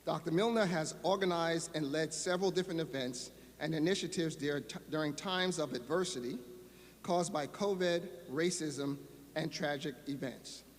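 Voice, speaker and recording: A man's voice: fairly high pitch, normal speed. A man presenting at a ceremony, formally introducing the next speaker with a light joke. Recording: reverberant PA sound with faint background noise.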